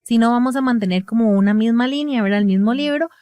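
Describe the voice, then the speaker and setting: A woman's voice: fairly high pitch, fast, warm tone, clear, resonant tone, no room sound. Explanatory Costa Rican woman therapist. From Costa Rica. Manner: explanatory, tags sentences with a question. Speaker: speech therapist. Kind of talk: casual podcast conversation.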